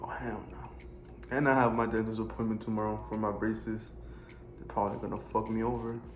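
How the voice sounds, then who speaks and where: A man's voice: lowish voice, level tone, fast. A man chatting casually to his viewers as a vlogger. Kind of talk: casual vlog chat to viewers. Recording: echoey room, clear background noise.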